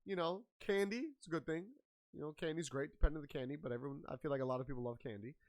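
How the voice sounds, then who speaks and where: Recovering from a sinus infection, the man sounds slightly congested and nasal as he races through a casual podcast conversation. His pitch is fairly high, and as host he's hyped, playful and full of slang.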